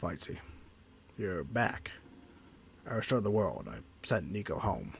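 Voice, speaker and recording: A man voicing a calm, melancholy game machine that narrates with solemn, subdued resignation. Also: on the low side, unhurried, creaky, slight background noise, pitched below the performer's own voice, heavily acted. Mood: resigned, solemn.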